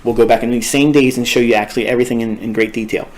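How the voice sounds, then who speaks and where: A man's voice: mid-range voice, fairly even intonation, rapid-fire, a little mellow, rough recording. A man teaching a recorded trading lesson, his voice tired and fading, talking in an emphatic, repetitive and rambling way. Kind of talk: recorded screen-share lesson.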